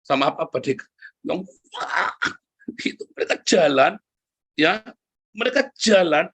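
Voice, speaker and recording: A man preaching a sermon, lively and joking, often turning to address the congregation directly. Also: on the high side, moderate pace. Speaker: pastor.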